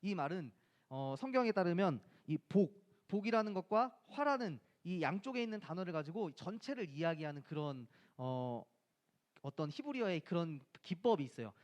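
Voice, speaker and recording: A man's voice: high voice, big pitch swings, normal speed. A man preaching a sermon as a pastor, talking conversationally and asking the listeners questions. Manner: acts out quoted voices of friends and scripture.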